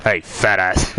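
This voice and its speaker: A man's voice: fairly low pitch, bright, forceful tone, slight background noise. A man plays a game and reads its dialogue aloud, often laughing and correcting himself, with a dry mouth. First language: Swedish. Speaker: gaming YouTuber. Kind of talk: let's play, reading game dialogue aloud. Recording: game music behind.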